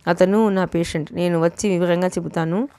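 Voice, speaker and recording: A woman voicing a calm, polite woman doctor who speaks in a pleading, soothing way. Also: lowish voice, moderate pace, natural voice.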